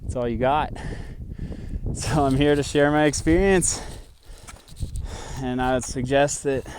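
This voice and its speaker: A man talking casually to his vlog viewers, out of breath and breathing heavily, in halting short phrases. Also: fairly high pitch, a little mellow, slight background noise. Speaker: video channel host.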